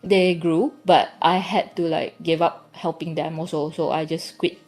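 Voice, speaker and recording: Woman guest chatting on a podcast, bit low voice, quiet music under it. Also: fairly even intonation, normal speed. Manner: chatty, rambling with restarts. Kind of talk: casual podcast chat.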